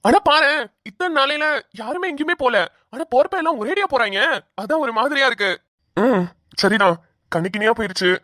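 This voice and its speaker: A woman's voice: sits high, lively intonation, fairly quick, a bit bright, no room sound, studio quality. A woman putting on the voices of worried middle-aged village men in a cartoon, with a southern Tamil village accent. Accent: southern Tamil village dialect. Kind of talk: cartoon voice acting.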